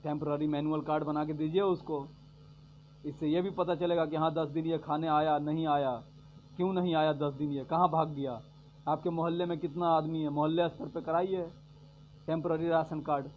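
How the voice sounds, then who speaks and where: A man delivers a sarcastic political rant, hammering the same points over and over. His voice sits a little high, and he swings from loud jabs to low mutters. The recording is dull and lo-fi, with a faint hum underneath. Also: flat delivery, moderate pace. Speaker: vlogger giving political commentary.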